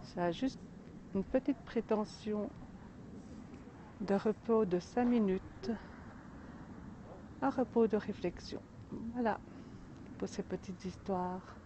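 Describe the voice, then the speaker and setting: A woman hosting a live vlog outdoors in a mountain village. She greets viewers and reads a short tale in a chatty, unhurried way. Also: medium pitch, dark tone, a little hiss or hum. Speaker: vlogger and storyteller. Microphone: phone or camera.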